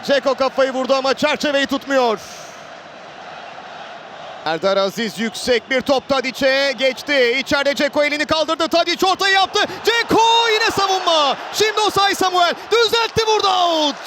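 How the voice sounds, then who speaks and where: A man giving live football play-by-play in an excitable way, with clipped phrases and drawn-out names. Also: extremely high pitch. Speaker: football match commentator. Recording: roaring stadium crowd noise behind voice. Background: stadium crowd ambience.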